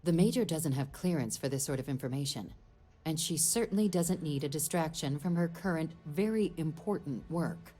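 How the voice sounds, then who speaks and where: A very deep-voiced, mellow woman is a stern, secretive middle-aged military official in a video game. She speaks in measured, formal phrases with firm authority, and music plays behind her. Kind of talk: video game dialogue acting.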